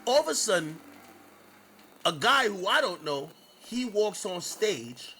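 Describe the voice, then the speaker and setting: A man's voice: sits high, a little slow, a little hiss or hum, poor audio. A man on a stream telling a long story in a casual, profane way, acting out what people said. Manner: animated, profane, acts out quotes.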